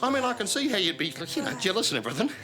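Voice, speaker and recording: An actor with an Australian accent playing a boastful Outback tour guide, matey and blustering in a TV comedy. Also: male voice, high voice, big pitch swings, racing. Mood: smug. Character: boastful, self-pitying Outback tour guide, brash bloke. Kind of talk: television comedy acting. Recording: loud music behind the voice.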